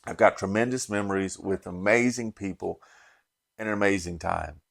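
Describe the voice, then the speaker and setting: A man's voice: deep voice, normal speed, vocal fry, fairly bright tone. A middle-aged man from Las Vegas hosting a bourbon channel, recapping an event in a rambling, heartfelt way that often restarts his sentences. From Las Vegas, USA. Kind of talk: casual vlog recap.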